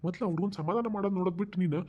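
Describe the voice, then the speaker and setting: A woman's voice: lowish voice, very fast, mellow, lo-fi sound, lightly acted. A woman playing a sly old Dharwad grandpa. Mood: playful. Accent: Dharwad Kannada. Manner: teasing, conspiratorial. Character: indulgent playful old grandfather.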